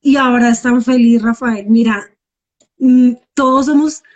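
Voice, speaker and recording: A woman's voice: on the high side, steady tone, measured pace, a little mellow. A woman, telling her personal story as a guest and often calling the host by name. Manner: heartfelt, repeats the host's name often. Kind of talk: emotional personal testimony.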